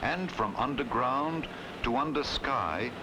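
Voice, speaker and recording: A man reading scripted, poetic documentary narration in a solemn, grand, oratorical manner with dramatic pauses. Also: medium pitch, lively intonation, background noise. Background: loud music.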